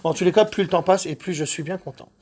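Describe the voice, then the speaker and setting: A man who details cars, chatting casually while he works, excitable, boastful and rambling, with a husky voice. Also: sits high, fast. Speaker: car detailer. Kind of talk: casual chat while working.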